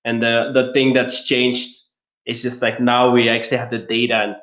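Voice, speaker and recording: Speaking at a normal speed, this Belgian interview guest walks through his points step by step in a relaxed way; he works in LinkedIn marketing. His medium-pitched, fairly bright voice stays mostly level. The recording is roomy, somewhat dull online-call audio.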